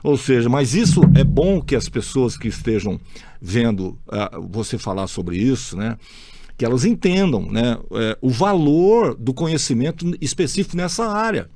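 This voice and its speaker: A man's voice: medium pitch, big pitch swings, normal speed, dark tone, dry recording. A man from Brazil hosting a casual chat, telling anecdotes bluntly, swearing freely and acting out the people in his stories. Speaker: podcast host.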